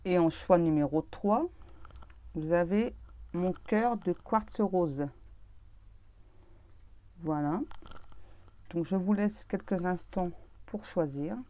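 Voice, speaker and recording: A woman doing a tarot reading to camera, talking casually and gently, with many fillers and restarts. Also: fairly low pitch, slow, long pauses. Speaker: tarot reader.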